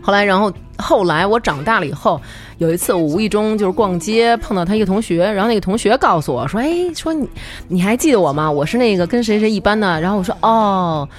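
A woman, co-hosting a comedy talk show, telling stories in a chatty, animated way and laughing as she goes. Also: mid-range voice, quick pace, faint music behind. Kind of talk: casual comedic storytelling.

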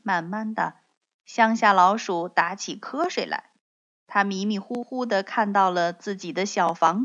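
A woman reading a children's storybook aloud in a slow, gentle way, speaking to the children. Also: medium pitch. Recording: dull lo-fi recording.

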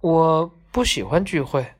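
A woman's voice: low voice, lively intonation, measured pace. A woman storyteller voicing a shy, grumpy man who answers curtly and reluctantly.

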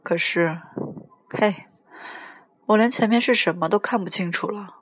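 A woman reading a first-person novel aloud in a plain, even storytelling manner. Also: mid-range voice, measured pace, slightly rough, no room sound. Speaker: audiobook reader.

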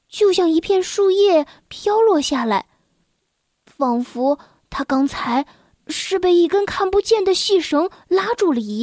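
A woman storyteller reading a children's story aloud in a gentle, expressive way. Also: sits high, dry recording, studio quality.

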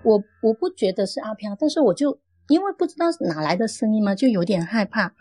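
A woman tells her own ghost encounter as a caller. She speaks in an earnest, halting way, and her voice is a little husky. The sound is dry, with faint music underneath. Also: mid-range voice, lively intonation, a little mellow, dry recording. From Guangdong, China. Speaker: caller sharing a story. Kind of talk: first-person ghost story telling.

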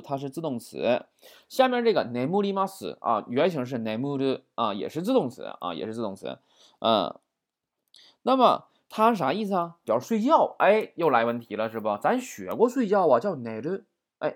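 Man, language teacher, chatty, keeps checking in, animated pitch. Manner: chatty, keeps asking "right?". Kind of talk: vocabulary lesson explanation.

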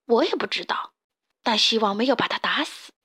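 A woman's voice: a little high, lively intonation, a little fast, slightly rough, heavily acted. A woman voicing a chubby, hesitant little chick in a children's storybook. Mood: timid. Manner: hesitant, quiet.

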